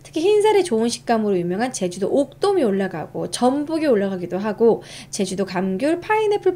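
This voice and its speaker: A woman's voice: mid-range voice, mellow, a little hiss or hum. A young woman streaming a casual history lesson, chatty, reading notes aloud and reacting to her chat.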